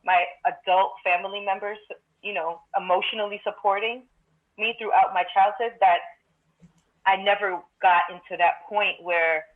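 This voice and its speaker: On a casual podcast, a Brooklyn guest with a lowish voice reflects on her ideas in a searching manner, frequently starting over. The remote call line is tinny and phone-like.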